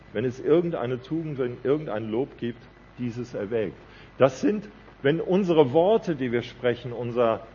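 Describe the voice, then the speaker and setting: A man's voice: mid-range voice, a little mellow. Guy preaching a sermon, earnest and chatty, kinda dull sound with a bit of hiss. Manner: earnest, conversational, asks "ja?" often.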